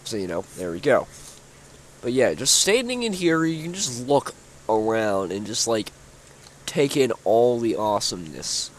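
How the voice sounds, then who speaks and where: Yawning and drowsy, a young YouTuber rambles through a casual tour of a build he made in a video game, restarting sentences and using plenty of fillers. His medium-pitched voice swings widely in pitch at a normal speed, with slight hiss or hum behind it.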